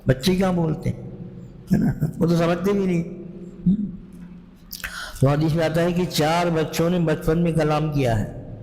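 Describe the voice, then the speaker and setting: Slow storytelling man in a reverberant hall. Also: a little high, fairly even intonation, a little mellow. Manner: slow, explanatory storytelling with rhetorical questions. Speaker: mufti giving Quran lessons. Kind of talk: Urdu Quran lecture.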